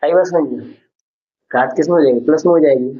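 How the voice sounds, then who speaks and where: A man's voice: a little high, quick pace, warm tone, slight background noise. A man teaching a school maths lesson, patiently explaining each step and asking the class questions as he goes. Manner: patient, repeats questions to students. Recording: dull lo-fi recording.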